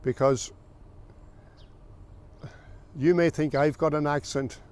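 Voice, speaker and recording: An older man from the south of Ireland, a farmer recalling his family's history in a plain, unhurried way with small pauses. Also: fairly high pitch, steady tone, darkish tone. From south of Ireland, County Meath. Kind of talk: oral history recollection.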